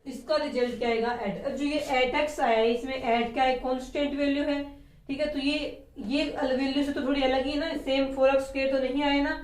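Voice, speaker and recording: A woman's voice: sits high, steady tone, brisk, darkish tone. A woman chemistry teacher giving a classroom lecture, explaining step by step and asking rhetorical questions. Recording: echoey room, voice from a distance.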